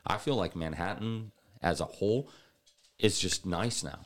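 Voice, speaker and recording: Very deep-voiced man telling stories. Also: a little slow. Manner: animated storyteller, laughs often. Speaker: podcast co-host. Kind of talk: casual chat.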